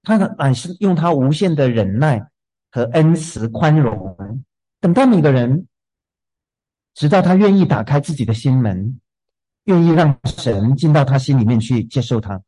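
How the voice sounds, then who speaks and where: A man preaching a sermon in a gentle, unhurried way, often repeating a word as he starts a thought. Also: medium pitch, expressive, slightly rough, poor audio. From southern China.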